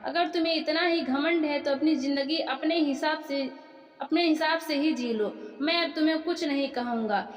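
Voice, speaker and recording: A woman's voice: high-pitched, moderate pace, close to an everyday voice. A woman reading the lines of a weary older father who speaks in a resigned, bitter way, recorded in an echoey room. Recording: echoey room with long reverb.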